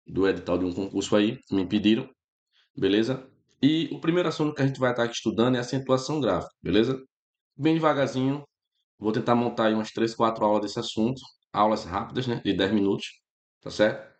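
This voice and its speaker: A man's voice: fairly low pitch, fast, reverberant. Chatty Brazilian man teaching grammar. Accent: Brazilian Portuguese. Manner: relaxed, chatty, keeps checking in with the class. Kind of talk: casual spoken grammar lesson.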